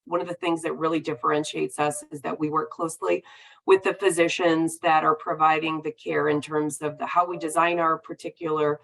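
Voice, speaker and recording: Woman, health plan rep, low steady voice, earnest. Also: a little fast, creaky, low-quality recording. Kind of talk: panel remarks.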